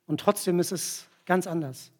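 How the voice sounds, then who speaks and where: A man with a fairly high, husky voice preaches to a gathering. He retells a scripture passage step by step and has volunteers stand up to act it out. He checks in with his listeners with short tag questions as he goes. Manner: explains slowly with frequent tag questions. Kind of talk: sermon with volunteer demonstration.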